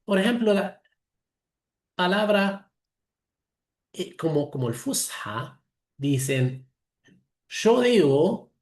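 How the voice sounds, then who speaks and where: A man with an Arabic accent, a native Arabic speaker, giving a lecture over a video call, slow and halting, correcting himself often. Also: high-pitched, very animated, a little mellow, roomy sound. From Lebanon. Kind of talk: online talk, explaining.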